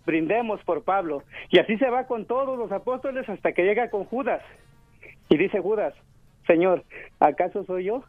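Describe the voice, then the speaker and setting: A man calling into a radio show to tell a joke, relaxed and chuckling as he talks. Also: high voice, normal speed, dry recording, faint music behind. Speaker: caller. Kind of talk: telling a joke on the phone. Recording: dull dry phone line.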